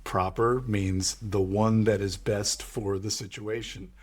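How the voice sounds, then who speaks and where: A man's voice: fairly low pitch, flat delivery, takes it slowly. A man with an American accent teaching English vocabulary, patiently explaining each word and repeating the key ones. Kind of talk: vocabulary lesson.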